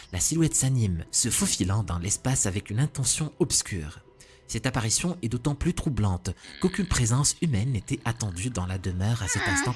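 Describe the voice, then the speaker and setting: Husky male narrator, low and formal. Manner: even, formal, ominous phrasing. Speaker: narrator of a creepy-video compilation. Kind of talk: scripted documentary narration.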